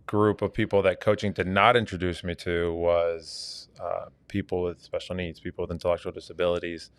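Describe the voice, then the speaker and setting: A man's voice: low voice, little pitch movement, normal speed, clear, resonant tone, no echo. A man from Argentina, a fitness coach, talking earnestly as a podcast guest with many fillers. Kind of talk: casual interview talk.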